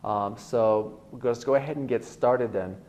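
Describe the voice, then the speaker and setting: Explaining guitar in a web video, the man speaks at a measured pace in his bass-baritone, relaxed and wandering, with frequent fillers.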